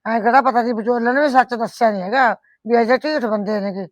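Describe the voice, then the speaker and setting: A woman's voice: on the high side, quick pace, dry recording, natural voice. A middle-aged woman playing a firm, caring village mother who scolds and comforts her daughter in a rural family drama. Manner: scolding yet comforting, blunt.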